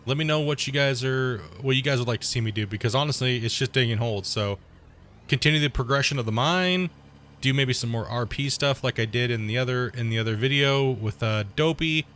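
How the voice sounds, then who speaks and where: Fairly quick and medium in pitch, a man who hosts a gaming channel gives rambling, casual commentary over his own play while sick and losing his voice. He explains terms as he goes and reacts excitedly to mishaps, with slight background noise audible.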